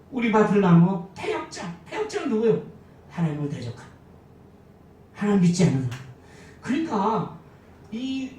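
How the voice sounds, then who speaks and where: A woman's voice: medium pitch, mellow, far from the mic, slight background noise. A woman pastor preaching a sermon, asking her listeners many questions and swinging her emphasis. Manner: rhetorical questions, varied emphatic delivery. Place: church sanctuary. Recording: echoey church hall from afar.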